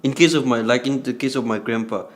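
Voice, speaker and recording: A man's voice: medium pitch, fairly even intonation, fast, lightly acted. An actor playing an earnest male friend who reassures and advises a grieving man. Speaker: supportive friend.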